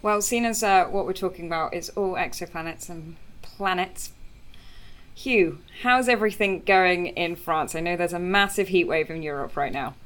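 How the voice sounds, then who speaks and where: A woman's voice: on the low side, moderate pace, fairly bright tone. A woman with a British accent hosting a casual science podcast conversation. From Britain. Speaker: podcast host, exoplanet researcher.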